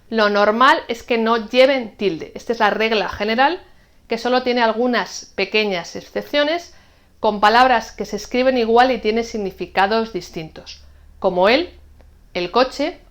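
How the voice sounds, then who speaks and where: Clear, patient Spanish teacher woman. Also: a little high. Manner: clear, patient explanation with spoken examples. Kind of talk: online Spanish lesson.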